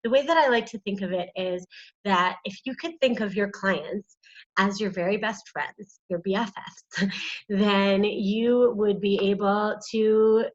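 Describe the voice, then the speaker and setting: In a cold indoor room, a shivering woman coaches doulas through a worksheet in a casual, earnest video talk. Her medium-pitched voice moves unhurriedly, and the recording sounds muffled. She fills her speech with fillers and pleading asides.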